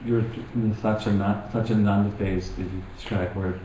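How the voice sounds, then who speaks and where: A man's voice: on the low side, fairly even intonation, fast talker, mellow, echoey room, distant mic, slight background noise, low-quality recording. A man at a retreat asking the teacher questions hesitantly. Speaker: retreat participant.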